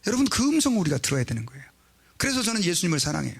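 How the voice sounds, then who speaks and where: A male pastor delivers a sermon in a relaxed, conversational way, often speaking straight to the congregation. His voice sits a little high and carries a gravelly edge. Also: racing.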